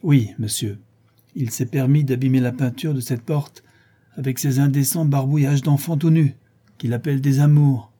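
A man's voice: medium pitch, steady tone, normal speed, warm tone, slightly rough, lightly acted. A man voicing a nosy, self-important old male porter who talks in a prim, fussy way. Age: older.

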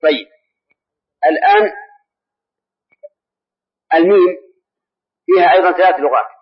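Older-style mosque teacher, high voice, slow and deliberate, repeats and quizzes, muffled lo-fi tape. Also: male voice, huge pitch swings. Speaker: Islamic scholar answering questions. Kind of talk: mosque lesson, explaining grammar. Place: large mosque. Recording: dull lo-fi old recording.

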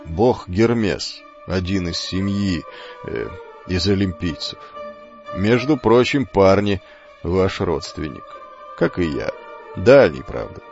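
Guy doing a calm wise old centaur, deep and slow, muffled lo-fi sound with soft music. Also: creaky, full character voice. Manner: slow, low, measured. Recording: dull lo-fi with faint music.

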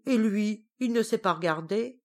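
A woman's voice: medium pitch, lively intonation, unhurried, pitched above the performer's own voice, natural voice. A woman voicing a vain, grumpy witch who complains indignantly. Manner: indignant, whiny.

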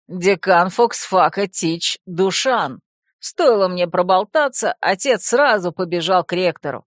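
A woman's voice: lowish voice, lively intonation, a little slow, no echo, studio quality. Woman voicing a cocky young fox-shifter guy. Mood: smug. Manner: smug, teasing. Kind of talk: audiobook character voice.

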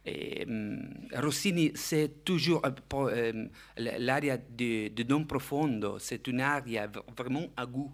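A man's voice: medium pitch, measured pace, hardly any pauses. A man with a foreign, Italian accent in French, an orchestra conductor being interviewed, who searches for words and slips into his native Italian. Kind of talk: live radio interview.

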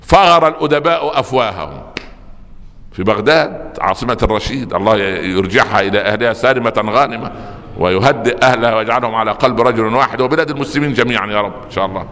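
Egyptian preacher guy teaching a crowd, storytelling, keeps asking them questions, mid pitch, big hall echo trailing off. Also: fast talker, fairly bright tone. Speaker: preacher teaching a religious lesson. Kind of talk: religious lecture to a live audience.

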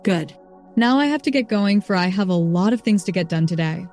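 A stern lord gives firm orders in a steady, mid-pitched voice, as a woman reads him aloud. He is commanding yet kind. It sounds like a storybook reading with faint music underneath. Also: a little fast, lightly acted. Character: stern but kind man, a knight-like lord.

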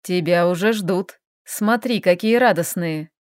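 A woman voicing a calm, teasing male elf in an audiobook, speaking a little lower and steadier than her narration. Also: measured pace, no echo, studio quality, natural voice.

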